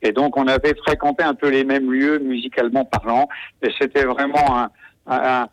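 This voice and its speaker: A man's voice: medium pitch, level tone, normal speed, no echo, rough recording. A man from Normandy, a festival organizer, talking enthusiastically in a radio interview with many hesitations. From Normandy, France. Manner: enthusiastic, warm about musicians, frequent hesitations.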